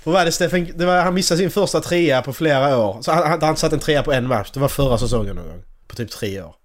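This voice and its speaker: Animated young man chatting loosely. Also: on the high side. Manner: laughing, swearing, mimics announcers loudly. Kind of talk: casual chat.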